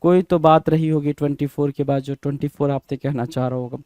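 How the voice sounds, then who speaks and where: A man's voice: on the high side, fairly even intonation, quick pace, mellow, no room sound. A man teaching English vocabulary for exam prep in a casual style, repeating words, spelling them out letter by letter and answering his own questions. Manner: informal, addresses students as brother. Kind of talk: exam-prep lesson, call and response.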